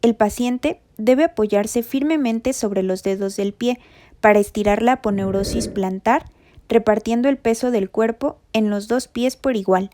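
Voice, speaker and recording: A woman giving a scripted, methodical narration for a rehabilitation lesson, reading anatomy terms in an even voice-over. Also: a little high, a little slow. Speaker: rehabilitation instructor.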